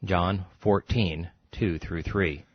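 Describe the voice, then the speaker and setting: A man reading scripture passages in a solemn, steady manner. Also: low voice, slow pace, breathy edge, dry recording, highs cut off. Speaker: scripture reader.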